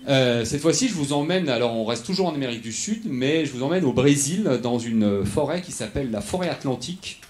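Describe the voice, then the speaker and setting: A man's voice: mid-range voice, expressive, brisk, hardly any pauses, darkish tone, slight background noise. A man giving a lecture, explaining step by step, often restarting and checking in with the audience. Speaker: researcher giving a lecture on animal acoustics.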